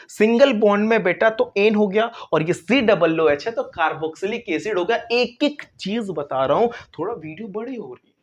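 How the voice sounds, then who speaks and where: A man teaching chemistry in a casual online lesson, chatty and coaxing, calling students "beta" and mimicking their replies. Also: high voice. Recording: slightly dull lo-fi recording.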